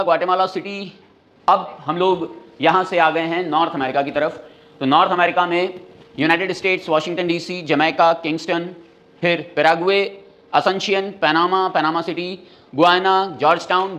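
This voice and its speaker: A male teacher giving a classroom lesson, running through countries and their capitals in a quick, steady rhythm and mixing Hindi with English phrases. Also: high voice.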